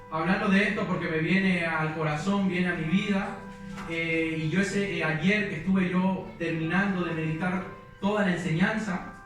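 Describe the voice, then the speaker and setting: A young man with a fairly high voice preaches in a church, sharing his story earnestly and with feeling. He sounds distant from the mic, and his words ring through a very echoey hall. Soft music plays underneath. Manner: earnest, emotional storytelling with quoted prayers. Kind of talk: sermon with personal testimony.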